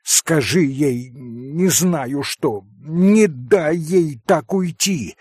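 A desperate young man who cries out in wild, bitter reproach, pitched up and drawn out, as a narrator voices him. Husky and dry. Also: expressive, very slow, darkish tone, no echo, heavily acted. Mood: urgent.

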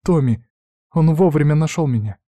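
A man's voice: a little high, lively intonation, normal speed, mellow, no room sound, voice pushed up. A man putting on a frightened young woman, her voice lifted well above his own and thin with tears. She sniffles and sobs through her words, close and dry, as in a storybook audiobook. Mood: shaken. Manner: sobbing, sniffling. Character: tearful red-haired young woman, frightened, guilty.

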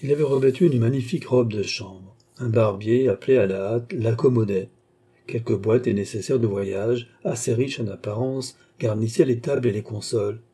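A man reading a classic novel aloud in measured scripted narration, lifting his pitch for the characters' lines. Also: warm tone, slightly rough. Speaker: audiobook reader.

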